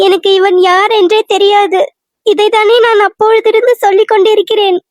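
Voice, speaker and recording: A woman's voice: very high voice, flat delivery, brisk, dry recording, studio quality. A woman voicing a young bride who is falsely accused and protests her innocence, in a cartoon serial. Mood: pleading.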